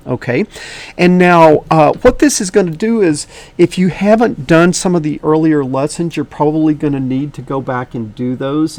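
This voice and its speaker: A man's voice: fairly high pitch, vocal fry, darkish tone. A man with a slightly wheezy voice hosting a casual tutorial, chatting to viewers in a folksy, direct way. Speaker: online tutorial teacher and host. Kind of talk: casual instructional video lesson.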